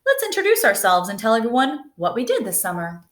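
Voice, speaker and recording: A woman's voice: on the high side, huge pitch swings, a little fast, fairly bright tone, echoey room. A woman reading aloud, voicing a kindly, welcoming first-grade teacher.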